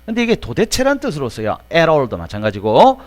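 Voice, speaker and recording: A man's voice: a little high, wildly swooping pitch, moderate pace. A man teaching an English grammar lesson to students, in casual speech that keeps checking they follow. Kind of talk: lecture.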